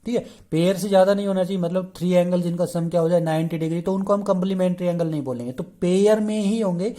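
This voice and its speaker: A man with a high, mellow, warm voice explains a math lesson, switching freely between Hindi and English terms. He asks the class questions and answers them himself, checking in by saying "okay" over and over. While writing on the board, he slows to a drawn-out pace.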